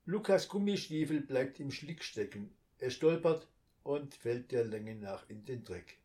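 A man reading a children's story aloud at a slow, careful pace. His voice sits at an ordinary male pitch, and he lets each sentence settle before moving on. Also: animated, dark tone.

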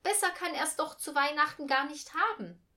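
A woman reading a storybook aloud, voicing an indignant, gossipy female neighbor who speaks loudly and with emphasis. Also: high-pitched, moderate pace, pitched above the performer's own voice.

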